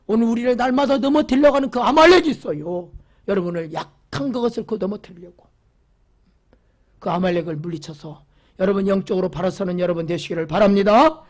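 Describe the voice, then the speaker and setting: A pastor giving a fervent church sermon, repeating phrases, asking the congregation questions, and dropping from loud exclamations to whispers. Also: medium pitch.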